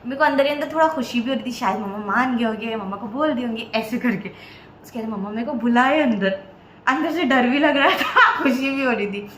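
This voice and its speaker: High-voiced young woman telling a story. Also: brisk. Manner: animated, acts out family members' lines. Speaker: vlog co-host. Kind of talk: casual personal storytelling. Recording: roomy echo, faint background noise.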